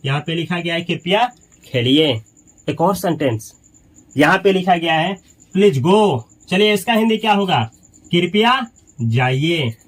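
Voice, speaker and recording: Man, English teacher, slightly high voice, slow repeated drilling of phrases. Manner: slow, repeats example sentences drill-style. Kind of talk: spoken English lesson.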